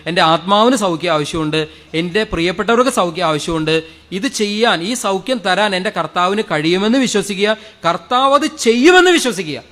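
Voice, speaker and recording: In a church or prayer hall, a high-voiced man preaches hard to his congregation. His sermon is fervent and repetitive, full of questions to the listeners, with volume rising and falling.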